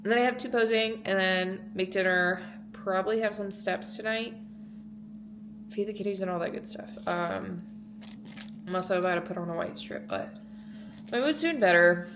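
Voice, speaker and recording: A woman's voice: mid-range voice, normal speed, background noise. A woman chatting casually to her viewers in an encouraging, reassuring way, as a fitness vlogger. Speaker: fitness competitor and coach vlogging contest prep.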